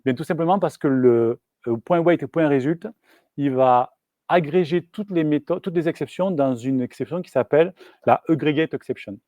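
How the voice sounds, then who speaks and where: Male engineer presenting at a meetup, halting delivery, dry sound. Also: fairly high pitch, no room sound, narrow, tinny audio. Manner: casual, hesitant, many fillers and restarts. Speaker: software engineer giving a meetup talk. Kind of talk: live technical presentation. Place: meetup room.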